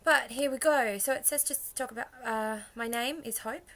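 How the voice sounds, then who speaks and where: A woman's voice: on the high side, moderate pace, fairly bright tone. A young woman with an Australian accent, chatting casually in a rambling, self-deprecating way. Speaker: vlogger. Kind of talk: casual chat.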